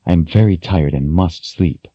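A man voicing a young woman who speaks calmly and formally, lifting his pitch a little. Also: normal speed, slightly rough, dry recording, muffled recording. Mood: solemn. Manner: calm, formal. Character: steady, solemn young woman traveler.

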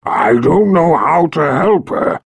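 A man voicing a huge proud young male red dragon, speaking slowly and booming as if from far off. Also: animated, vocal fry, husky, no room sound, heavily acted. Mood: mournful. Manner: slow, booming, growling.

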